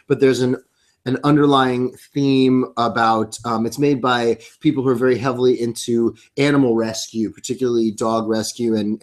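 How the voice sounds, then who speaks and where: A man being interviewed as a guest musician, chatty and rambling with fillers and laughs. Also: medium pitch. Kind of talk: casual interview chat.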